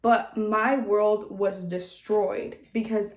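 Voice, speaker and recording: A woman in her twenties casually telling a personal story, animated and laughing as she acts out what people said. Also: medium pitch, takes it slowly, reverberant. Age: 20s. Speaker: vlogger.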